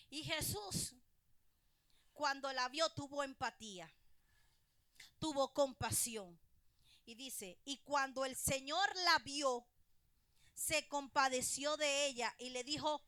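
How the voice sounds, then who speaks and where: A woman pastor delivers a sermon in a high, bright voice at an unhurried pace. She speaks straight to her listeners and repeats phrases for emphasis. The sound is dry and close. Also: no room sound. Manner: preaching with rising and falling emphasis, addresses listeners directly.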